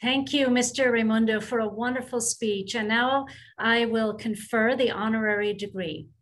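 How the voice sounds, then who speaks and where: A middle-aged woman speaking formally and deliberately as she confers an honorary degree over video. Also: fairly high pitch, fairly even intonation, fairly bright tone, low-quality recording. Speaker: university official conferring degrees. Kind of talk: formal ceremonial address.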